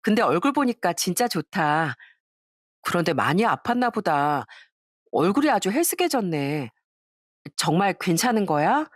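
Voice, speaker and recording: A woman voicing a young woman caught in her lies, bright at first, then stammering and pleading. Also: fairly low pitch, sing-song, normal speed, dry recording, studio quality. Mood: cheerful.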